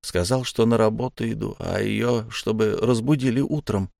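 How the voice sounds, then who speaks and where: A man's voice: fairly low pitch, moderate pace, creaky, a little mellow, no echo, studio quality. A man voicing an anxious male psychiatric patient who mumbles and swallows syllables, in a storybook reading. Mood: flat confessing.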